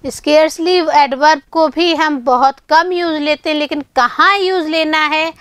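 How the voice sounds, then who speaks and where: A woman with a high voice teaches English grammar, talking to her students as children and asking questions she answers herself. She reads English lines out slowly and carefully. The sound is dry and close. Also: steady tone, a bit bright, dry recording. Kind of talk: online grammar lesson.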